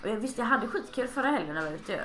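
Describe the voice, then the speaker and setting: A woman's voice: a little high, expressive, sharp tone, roomy sound. A woman, a podcast host chatting casually while tipsy, swearing and acting out voices.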